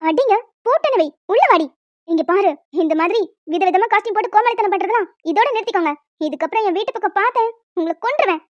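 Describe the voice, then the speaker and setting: A woman voicing a hot-tempered cartoon housewife who scolds in harsh, shouting tirades. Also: very high voice, racing, dry recording, dull audio. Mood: angry. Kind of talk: animated cartoon voice acting.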